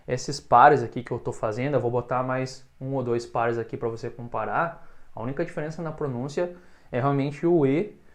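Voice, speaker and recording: A man with a Brazilian Portuguese accent teaching English pronunciation, modelling short words loudly and having the learner repeat after him. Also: mid-range voice, steady tone. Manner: slow, drawn-out modelling of words, stressed loud examples.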